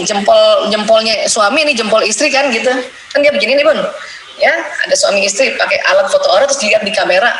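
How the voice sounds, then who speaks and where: A middle-aged woman with a fairly high voice gives a lively religious talk on marriage to a room of women. She acts out short prayers and little dialogues with playful energy. The recording is echoey, with loud background noise. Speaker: speaker giving a talk to women.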